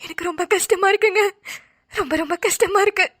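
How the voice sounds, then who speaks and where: A woman voicing a gentle, tearful mother in a cartoon, talking softly and pleadingly. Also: very high-pitched, fairly quick. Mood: tearful lament. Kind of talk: cartoon voice acting.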